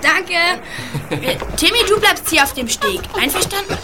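Spirited young girl for audio drama, high-pitched, eager, polite, clear noise behind. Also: sing-song, moderate pace. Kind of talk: German audio drama acting.

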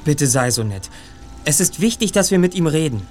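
An actor playing a clever teenage detective in a German radio drama, asking calm, coaxing questions. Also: male voice, on the high side, normal speed, faint music behind. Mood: inquiring. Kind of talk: German radio-play acting.

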